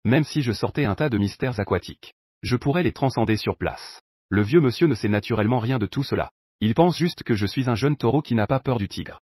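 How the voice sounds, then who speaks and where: A man reading a comic recap aloud as scripted first-person narration in an even storytelling manner. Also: mid-range voice, brisk, slightly rough, no room sound, studio quality.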